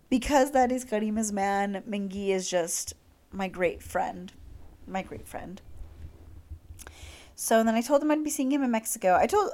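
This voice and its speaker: A woman's voice: mid-range voice, a little mellow. Young woman podcast host, chatty and effusive, peppers every phrase with "like". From Latin America. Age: young adult. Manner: gushing, heavy use of "like". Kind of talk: casual storytelling monologue.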